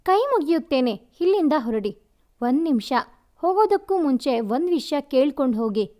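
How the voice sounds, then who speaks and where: Storybook heroine: a scornful, heartbroken young woman, high voice, played by the female narrator. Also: big pitch swings, moderate pace, warm tone. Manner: scornful, cutting.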